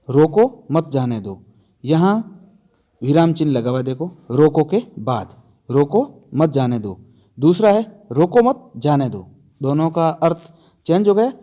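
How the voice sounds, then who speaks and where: The speaker is a man whose voice is a touch high and warm in tone. Teaching grammar for an exam, he questions his students and responds himself, repeating and emphasizing the important terms.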